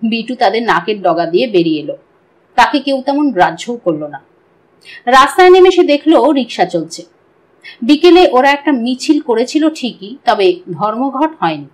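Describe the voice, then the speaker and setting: A woman narrating an audiobook story with a steady, expressive reading. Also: on the high side, normal speed, rough recording.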